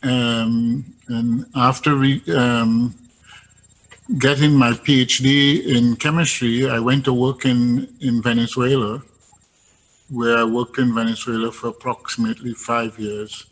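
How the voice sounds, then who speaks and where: An older man from Trinidad, a guest recounting his career in a relaxed, hesitant way. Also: medium pitch, measured pace, low-quality recording. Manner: hesitant, many ums and restarts. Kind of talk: casual interview talk.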